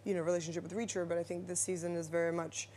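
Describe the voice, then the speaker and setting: A woman in her thirties from Denmark, an actress and writer, talking in a relaxed, thoughtful way with many fillers as a guest on a TV studio interview. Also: on the low side, very fast, a little hiss or hum. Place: TV news studio. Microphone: lapel mic.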